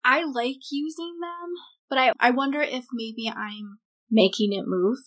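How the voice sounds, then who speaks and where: A woman's voice: high voice, measured pace, a bit bright. A woman co-host in casual talk, tentative and reflective, wanting to stay skeptical. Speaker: paranormal investigator co-host. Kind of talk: casual podcast chat.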